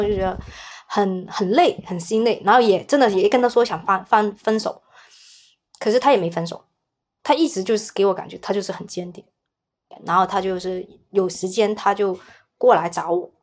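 A young woman telling a personal story as a podcast guest, speaking hesitantly, often repeating words and restarting her sentences. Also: medium pitch. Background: soft background music.

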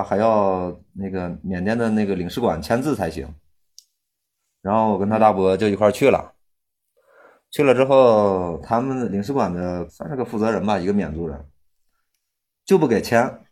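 A man in his thirties, a volunteer aid worker, telling a personal story in casual speech, halting and full of restarts, growing heated when angry. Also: lowish voice, darkish tone. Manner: halting, many restarts and fillers, rising heat when angry.

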